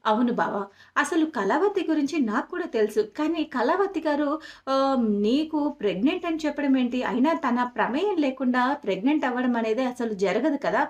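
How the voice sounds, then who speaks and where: A scheming young woman needles and insinuates, read by a woman narrator in her own fairly high voice. The delivery stays close to plain storytelling. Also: expressive, fairly quick, a little mellow, muffled recording. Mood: insinuating.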